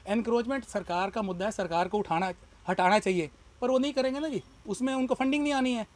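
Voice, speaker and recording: A man's voice: sits high, quick pace. A man who runs a shop, speaking in an impassioned, argumentative way in a street interview. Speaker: shopkeeper and party worker.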